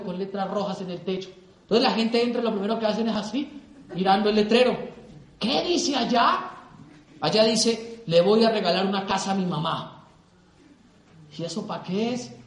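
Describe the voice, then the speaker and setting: Middle-aged Colombian man, high voice, lively stage speaker telling stories in an echoey hall. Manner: animated storytelling, acts out dialogue. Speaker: motivational speaker. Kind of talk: motivational talk to an audience.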